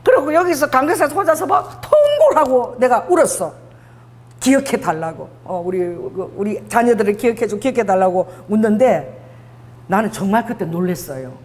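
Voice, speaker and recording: Lively high-voiced Busan woman preaching. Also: moderate pace. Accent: Busan dialect. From Busan, South Korea. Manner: animated storytelling, acts out dialogue, laughs often. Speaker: pastor. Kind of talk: sermon. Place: church sanctuary. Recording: long hall reverb.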